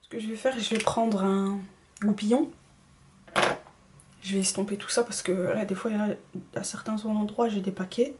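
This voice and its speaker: A woman talking casually through a makeup tutorial, chatty and self-deprecating, often dropping into soft, hushed asides. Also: medium pitch, steady tone, moderate pace, pauses often. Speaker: beauty vlogger.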